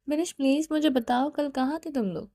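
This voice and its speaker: A woman's voice: sits high, mellow, dry recording, studio quality. A woman reading the part of an insistent young wife who presses hard with questions, firmly.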